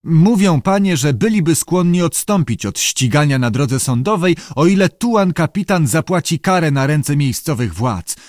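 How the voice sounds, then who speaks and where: A man's voice: fairly high pitch, lively intonation, normal speed, hardly any pauses, darkish tone, no echo, studio quality, voice pushed up, close to an everyday voice. A man voicing an eager male interpreter and trader who talks in a coaxing, hesitant way, in an audiobook reading.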